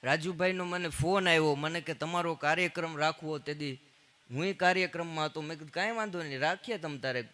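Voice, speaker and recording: Man, high voice, very bright tone, stage jokes with quoted back-and-forth. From Gujarat, India. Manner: punchline jokes with quick quoted exchanges. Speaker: stand-up comedian. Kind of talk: live Gujarati stand-up storytelling.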